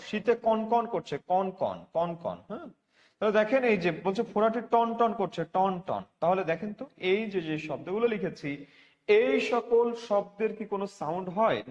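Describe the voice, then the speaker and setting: A man teaching an online class, repeating words and asking his students to respond. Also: high-pitched. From Bangladesh. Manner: repetitive, asks students for responses. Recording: dull lo-fi audio with long reverb.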